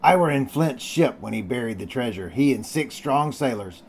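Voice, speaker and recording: A man's voice: mid-range voice, lively intonation, slight background noise, close to an everyday voice. A man doing Ben Gunn, a cracked old castaway sailor. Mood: storytelling. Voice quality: cracked, rusty voice. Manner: slow, drawling sailor's speech. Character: ragged, half-wild old marooned male sailor.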